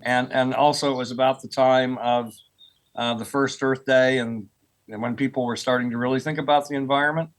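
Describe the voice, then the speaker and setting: As an academic guest, a man in his sixties from rural Oklahoma in the United States, a professor of earth sciences, explains things in an informal, conversational way during an interview. He speaks fairly quickly in a mid-range voice with fairly even intonation.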